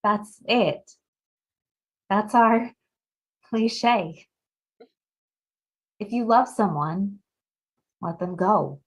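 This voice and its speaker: A woman plays a wistful lover at a parting, slow and soft-spoken. Her voice sits at a middle pitch and she lets each phrase settle. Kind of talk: stage play performed over video call.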